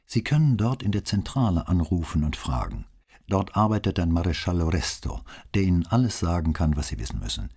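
A man reading an audiobook and voicing a young woman, a polite, calm and unyielding secretary. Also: sits low, a little fast, gravelly, slightly rough, full character voice. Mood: politely firm. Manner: polite and cool, gently refusing.

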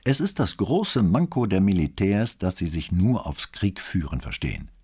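Man doing a calm wry police commissioner. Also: deep voice, moderate pace, husky, voice pushed up, full character voice. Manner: calm, ironic and courteous.

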